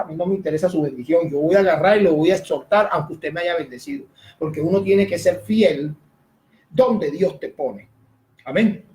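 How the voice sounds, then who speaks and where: A man preaching as a pastor, speaking emphatically in a sermon that swings between raised and hushed lines. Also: high-pitched, echoey room. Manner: emphatic preaching with rising and dropping voice, frequent "amén". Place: church.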